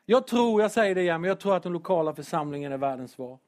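In church, a pastor delivers a sermon full of earnest emotion, his lively voice pitched a little high for a man. He shouts when pressing a point and lightens the heavy moments with self-deprecating humor.

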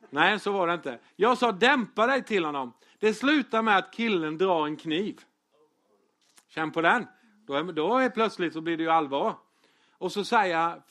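A man's voice: high-pitched, lively intonation, bright, forceful tone. A man preaching a casual sermon, telling stories with humor and many fillers. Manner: chatty storytelling with humor and fillers. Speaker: pastor.

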